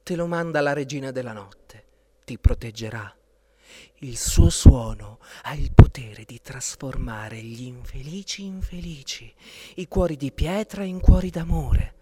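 A man's voice: medium pitch, unhurried, warm tone, husky, no echo. A man as a solemn lady-in-waiting.

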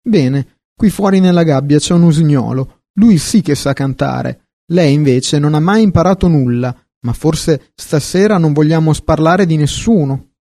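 A man's voice: a little high, unhurried, dark tone, dry recording. A man voicing a scornful old quill pen. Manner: scornful and emphatic. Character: proud old female quill pen, sharp-tongued. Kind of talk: storybook reading.

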